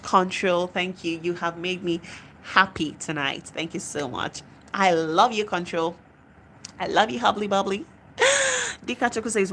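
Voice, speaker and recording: Medium-pitched and a bit bright, this young adult woman speaks with a Nigerian accent against slight background noise. On a live stream, she casually reads out viewer comments and replies, laughing a lot.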